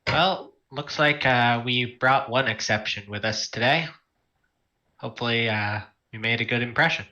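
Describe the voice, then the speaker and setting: A man plays in a tabletop session, quiet and wry. His tone is very bright and sharp, in a middle register. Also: medium pitch, normal speed, muffled recording. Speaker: player. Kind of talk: casual tabletop play.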